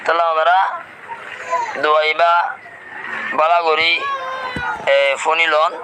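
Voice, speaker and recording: Casting: male Islamic teacher, Rohingya accent, slow monotone delivery, repeats phrases carefully, noisy ambient recording. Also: fairly high pitch. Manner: deliberate, repeats phrases for learners. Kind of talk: religious lesson with recited Arabic prayers.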